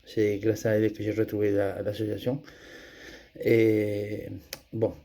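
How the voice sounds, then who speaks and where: A middle-aged Spanish man gives a halting personal testimony in his accented second language, stopping often to search for words. His voice is fairly low and mellow, and he speaks very slowly. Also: completely flat delivery. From Andalusia, Spain. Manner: hesitant, many fillers and restarts. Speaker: testimony giver.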